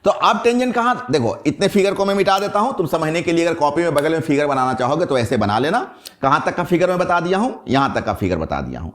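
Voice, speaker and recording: Male physics teacher, middle-aged, quizzing the class, animated rising and falling delivery. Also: on the high side, quick pace. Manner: lively, questions the class and answers himself. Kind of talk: classroom lecture.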